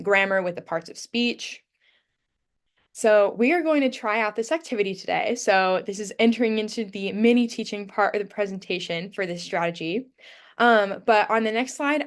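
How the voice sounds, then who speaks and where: A young woman giving a class presentation, demonstrating a vocabulary activity and counting syllables aloud. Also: mid-range voice. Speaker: student presenter. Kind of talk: class presentation, mock teaching.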